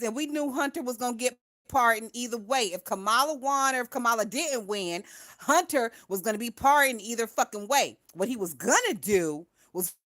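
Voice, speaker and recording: Brief: young woman, livestream gossip host, brash and profane, quick laughs, loud then hushed. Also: on the high side. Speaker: livestream host reading viewer chat. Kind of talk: casual profane gossip commentary.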